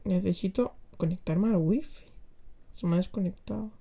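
A woman's voice: fairly low pitch, normal speed, gravelly, dark tone, slightly rough. A young woman with a Spain Spanish accent, hosting a casual solo podcast and chatting and giggling while she reacts to clips. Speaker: podcast host.

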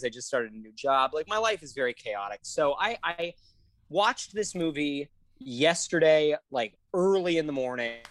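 A woman's voice: extremely low pitch, a bit bright, no echo. A woman co-hosting a casual film podcast, gushing and swearing freely as she talks. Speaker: podcast co-host. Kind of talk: casual film review chat.

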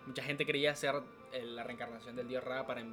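A man's voice: medium pitch, level tone, fairly quick. A young man co-hosting a casual podcast, reading notes aloud with stumbles and side remarks. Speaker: podcast co-host. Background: faint background music.

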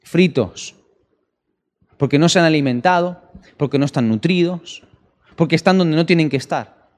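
A preacher delivering a sermon with a lively voice that swings widely in pitch. He keeps asking his listeners questions, and the voice rings through a long church-hall reverb. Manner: animated, with rhetorical questions to the audience.

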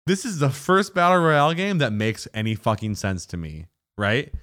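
A man co-hosting a casual gaming chat, animated and swearing, with quick asides and acted-out quotes. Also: medium pitch. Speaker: podcast co-host.

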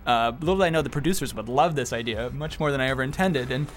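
A man's voice: medium pitch, fast. A man giving casual, joking commentary as a film's director, with self-deprecating humour.

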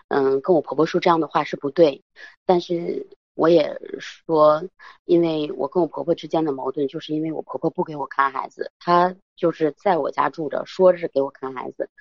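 A woman's voice: low-pitched, steady tone, brisk, no room sound, highs cut off. A woman in her thirties calling an advice show, talking hesitantly with many fillers. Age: 30s. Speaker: caller. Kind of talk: call-in advice talk.

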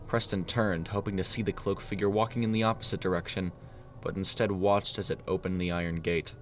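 A man narrating a story in a steady, even voice. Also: sits low, a little fast, a little hiss or hum.

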